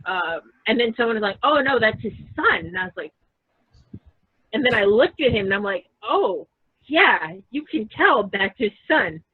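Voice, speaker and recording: Woman guest chatting on a podcast, husky voice, sounds like a tinny phone line. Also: fairly high pitch, big pitch swings, normal speed. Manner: chatty, thinks aloud with fillers. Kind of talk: casual podcast chat.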